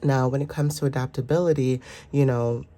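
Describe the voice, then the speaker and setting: Congested from a sinus infection, a tarot reader sounds stuffy and nasal, with a medium-pitched, steady, dark voice that moves fairly quickly. The reading is casual, rambling and reassuring, full of fillers.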